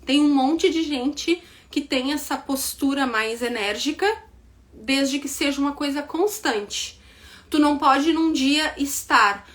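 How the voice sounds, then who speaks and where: A woman with a southern Brazilian gaúcho accent teaching an online business class to women, direct and insistent, checking in with "tá?" and mimicking excuses in a quick higher voice. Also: fairly bright tone. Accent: southern Brazilian, Rio Grande do Sul. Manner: direct, repeats points with "tá?" check-ins. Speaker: business mentor.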